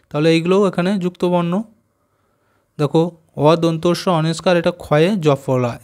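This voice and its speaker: A man teaching young children, spelling out letters slowly and often checking whether they have understood. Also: a little high, darkish tone. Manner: slow, spelling out letters and asking "got it?". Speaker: primary school teacher. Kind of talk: textbook lesson explaining Bengali conjunct letters.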